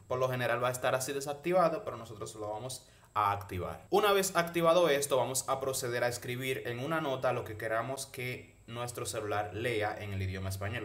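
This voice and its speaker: A man's voice: mid-range voice, fairly bright tone. A man narrating a casual tutorial in Spanish, instructing viewers directly one step at a time. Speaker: tutorial host.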